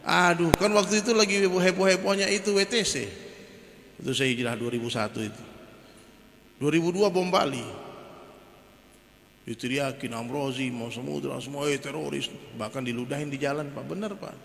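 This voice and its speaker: A man preacher giving a lively, joking sermon full of stories, often turning to his listeners. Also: fairly high pitch, moderate pace, vocal fry, long pauses. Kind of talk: humorous sermon with storytelling. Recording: reverberant hall.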